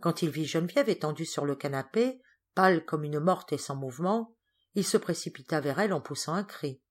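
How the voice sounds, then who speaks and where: A woman narrating a classic novel as an audiobook reader, expressive and dramatic. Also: low-pitched, a little fast. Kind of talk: scripted narration.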